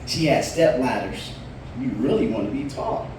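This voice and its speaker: An expressive, darkish, medium-pitched voice moves at a moderate pace as this man in his late forties does relaxed stand-up in a bar. His stories land on punchlines. The mic is far away, catching slight background noise in the roomy space.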